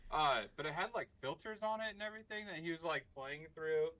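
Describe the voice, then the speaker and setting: A man co-hosting a podcast, chatting casually and haltingly with lots of likes and restarts. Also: on the high side, animated, a bit bright. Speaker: podcast co-host. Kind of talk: casual sports chat. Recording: dull lo-fi recording.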